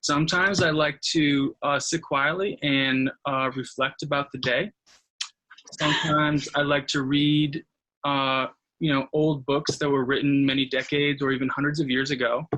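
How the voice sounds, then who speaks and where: A male history teacher in his thirties tells stories in a relaxed, friendly way as he answers a student's questions. His pitch sits in the middle range. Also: moderate pace, rough recording. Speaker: history teacher being interviewed. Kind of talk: school interview answers.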